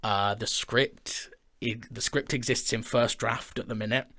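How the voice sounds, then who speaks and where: In an indoor studio, a man co-hosts a casual chat about his creative work as an audio drama creator and film director, announcing projects in an informal, enthusiastic way. His mid-range voice is sharp in tone, with fairly even intonation and a measured pace.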